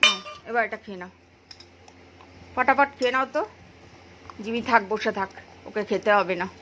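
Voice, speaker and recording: A woman's voice: mid-range voice, normal speed, fairly bright tone, a little hiss or hum, rough recording. A woman with a Bengali accent chatting to her pet dogs and her viewers in a coaxing, sing-song voice. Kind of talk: casual chat to pets and viewers.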